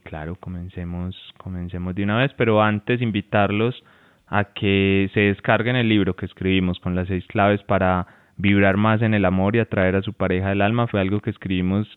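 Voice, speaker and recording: A man co-hosting a relationship advice talk, relaxed and often restarting his phrases. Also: fairly low pitch, moderate pace, clear, resonant tone, dry recording. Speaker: co-host and relationship coach. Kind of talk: casual advice talk to viewers. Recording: tinny phone-like sound, dry.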